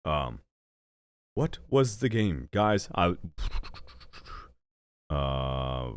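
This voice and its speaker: Speaking extremely slowly, this young gaming streamer has a clear, resonant voice despite a stuffy nose and hiccups. He rambles through casual live-stream chat, mocking himself, animated and leaping abruptly in pitch.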